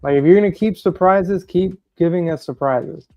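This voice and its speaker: A man's voice: high-pitched, normal speed, no echo, faint music behind. A man co-hosting a wrestling watch-along, chatting casually with slang over a video call. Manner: loose, laid-back reacting with slang. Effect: heard over a video call. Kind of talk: casual chat. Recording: dull, lo-fi video call audio.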